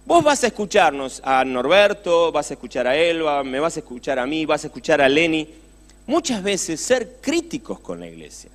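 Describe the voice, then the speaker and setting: A man's voice: a little high, wildly swooping pitch, normal speed. A man with a Rioplatense Spanish accent preaching a sermon in a passionate, conversational way, with many rhetorical questions.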